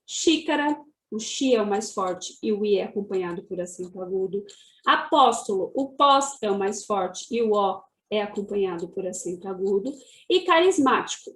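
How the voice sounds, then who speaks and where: A woman's voice: high voice, echoey room. A woman teacher, giving a recorded grammar lesson to children, cheerful and explaining step by step with examples. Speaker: primary school teacher.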